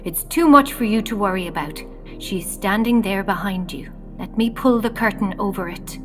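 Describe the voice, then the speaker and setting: Woman playing regal icy queen, bossy but gracious, medium pitch, kids audio play, faint music. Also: normal speed, close to an everyday voice. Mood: soothing, gracious. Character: commanding, coolly gracious Snow Queen. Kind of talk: children's audio drama acting.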